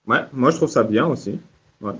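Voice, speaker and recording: A man's voice: medium pitch, moderate pace, fairly bright tone, husky, muffled recording. A man hosting a casual live audio chat, joking and often restarting his sentences. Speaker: host.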